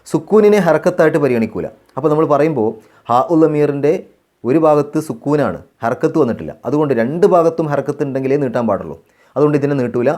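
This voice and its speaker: A male Quran teacher from Kerala. He chants verses slowly and melodically, then explains recitation rules calmly step by step, repeating phrases to model the pronunciation. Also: medium pitch. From Kerala, India. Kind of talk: tajweed recitation lesson.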